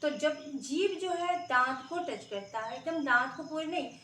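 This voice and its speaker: A woman's voice: sits high, animated, unhurried, sharp tone. A woman teacher giving a grammar lesson to children, patiently sounding out letters and often checking that everyone is following. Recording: roomy echo, mic far off.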